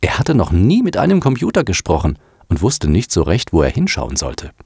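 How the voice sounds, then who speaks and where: Low-voiced, animated male storybook narrator. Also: fairly quick, breathy edge, no echo, studio quality. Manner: expressive, animated reading. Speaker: audiobook narrator.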